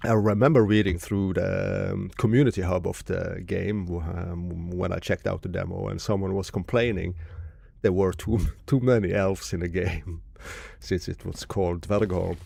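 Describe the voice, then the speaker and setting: A man's voice: deep voice, fairly even intonation, normal speed, gravelly, warm tone, breathy edge, dry recording. A man from Norway, casually commenting on a live game stream and reading game text aloud. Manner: reads game text aloud, muses to chat.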